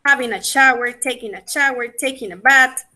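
A woman's voice: sits high, moderate pace, sharp tone. A middle-aged woman teaching a conversation class, mixing Spanish and English and coaxing her students along with questions and prompts.

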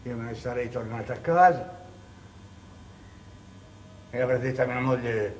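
An actor playing a proud, cunning, wronged middle-aged male clerk in a theatrical stage performance, swinging from hushed bitterness to shouting. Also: mid-range voice, moderate pace, close to an everyday voice. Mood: agitated. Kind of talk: stage acting. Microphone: distant room mic. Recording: distant echoey stage recording.

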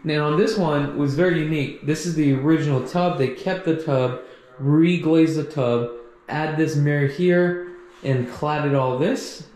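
Fairly high in pitch but darkish in tone, this man speaks at a measured pace while offering casual walkthrough commentary as a real estate agent. A handheld action camera records him in empty condo rooms and on an outdoor walkway; the empty spaces echo, with some background noise.

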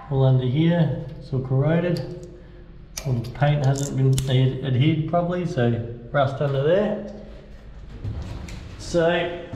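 Inside a bare steel boat hull under restoration, a thirtysomething boat restorer and vlogger casually walks through his repair work, thinking aloud in plain language. His voice is on the high side with a dark tone, and the echoey metal space carries background noise.

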